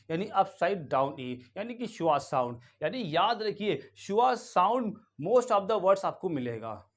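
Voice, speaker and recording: A man with an Indian accent teaching English pronunciation, asking questions and repeating each word several times. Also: high voice. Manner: asks rhetorical questions and repeats the answer; drills words by saying them again and again. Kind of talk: classroom-style pronunciation lesson.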